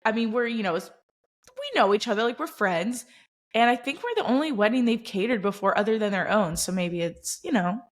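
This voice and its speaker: A woman's voice: fairly high pitch, big pitch swings, fairly quick. A young woman co-hosting a casual podcast chat, enthusiastic and giggly as she talks. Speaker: podcast co-host.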